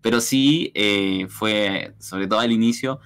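A man's voice: fairly low pitch, slow, gravelly, fairly bright tone, clear, resonant tone. A man from Chile with a Chilean Spanish accent, a guest in a casual chat who explains things thoughtfully. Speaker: guest streamer.

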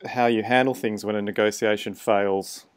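A man's voice: fairly low pitch, steady tone, moderate pace, smooth. A man hosting a podcast interview in a casual, chatty style. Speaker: podcast host.

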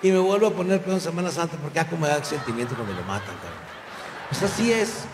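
A stand-up comedian with a Mexican accent tells a rowdy story, swearing freely and throwing in slang. His voice sits a little high for a man. The sound carries long reverb from a large hall, with faint room noise behind it. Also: expressive, quick pace. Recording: echoey hall with live ambience.

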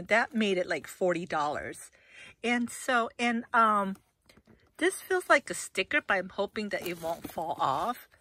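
At home, a woman vlogs casually in a hoarse, mid-range voice with a sharp tone. She rambles through an unboxing, full of fillers and restarts.

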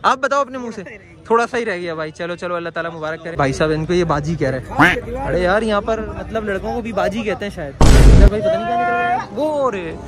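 A man's voice: sits high, fairly quick. A young man vlogging as he walks through an outdoor cattle market, bantering with sellers and exclaiming at the animals. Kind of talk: walking cattle-market vlog. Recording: crowd noise around. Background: crowd chatter.

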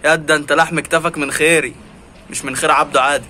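A man's voice: fairly high pitch, fairly even intonation, fast, pushed and bright, a little hiss or hum. Chatty Egyptian man coaxing a pet fox. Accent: Egyptian Arabic. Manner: playful, teasing, coaxing. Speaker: vlogger. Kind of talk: casual vlog talking to a pet fox.

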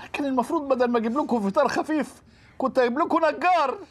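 A man's voice: very high-pitched, racing. An actor playing a middle-aged father-in-law with an Egyptian accent who fusses and teases. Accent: Egyptian Arabic. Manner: fussing, teasing.

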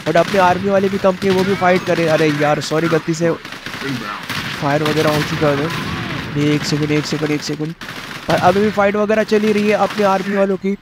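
Excitable young man over game gunfire. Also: on the high side, moderate pace, noisy background. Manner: chatty, excitable, addresses viewers as guys. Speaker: gameplay commentator. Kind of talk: casual gameplay commentary. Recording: game gunfire and explosions behind.

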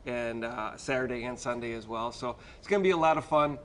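A man who owns the venue, talking casually about the weekend's events at a medium pitch. A faint outdoor hum sits behind him. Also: a little fast, a bit bright. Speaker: venue owner. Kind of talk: casual interview.

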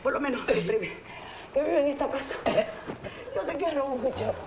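A woman's voice: high-pitched, moderate pace, roomy sound, a crowd in the background, rough recording. An actress with a Cuban accent playing an intense, desperate woman who pleads and swears often, in a film drama. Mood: pleading, scolding. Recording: film audio with steady background noise.

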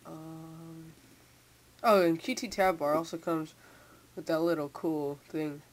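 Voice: medium pitch, steady tone, slow. A teenager giving a casual computer tutorial, stumbling and repeating words, with speech slightly hampered by a mouth sore from tightened braces. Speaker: software tutorial maker. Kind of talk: casual unscripted screen tutorial. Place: indoors at a computer. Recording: hissy, noisy home microphone.

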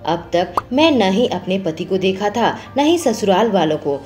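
Expressive woman narrating a first-person story. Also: measured pace, music in the background. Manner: expressive, voices quoted lines with lifted pitch.

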